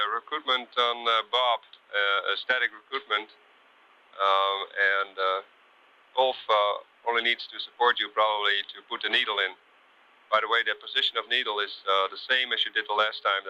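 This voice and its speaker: A man working as a ground controller, speaking haltingly with many pauses over two-way radio. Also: lowish voice, fairly even intonation, sharp tone, clear, resonant tone. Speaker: ground payload operations controller. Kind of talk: radio operations chatter. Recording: dull, hissy archival space radio.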